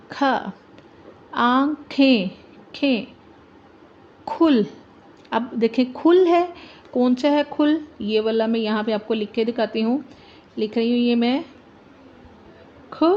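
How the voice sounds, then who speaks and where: Woman, teacher, slow deliberate pace, higher voice, dull lo-fi sound. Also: mellow, a little hiss or hum. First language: Urdu. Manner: repeats letters and words, checks in with "ठीक है". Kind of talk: slow, deliberate alphabet lesson for teachers and children. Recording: dull lo-fi recording.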